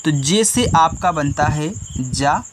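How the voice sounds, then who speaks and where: A man teaching children to read simple words, slowly explaining each step and asking questions he answers himself. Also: on the high side, expressive, noisy background. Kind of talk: phonics lesson for children.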